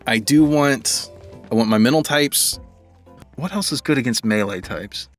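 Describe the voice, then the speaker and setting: A man's voice: mid-range voice, measured pace, faint music behind. A man giving casual let's-play commentary, thinking aloud and rambling as he plays. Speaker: gaming video creator.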